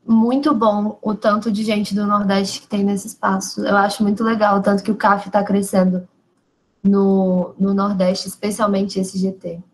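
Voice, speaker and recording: A woman hosts an online study group, moderating the casual meeting with short, friendly remarks and calling on each participant in turn. Her mid-range voice shows little pitch movement and normal speed, and the recording is low quality.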